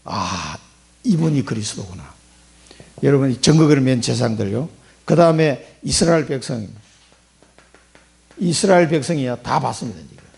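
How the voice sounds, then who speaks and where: A man's voice: mid-range voice, a little fast, creaky, long pauses, a little mellow. A middle-aged man preaching a sermon in church as pastor, asking the congregation rhetorical questions. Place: church sanctuary.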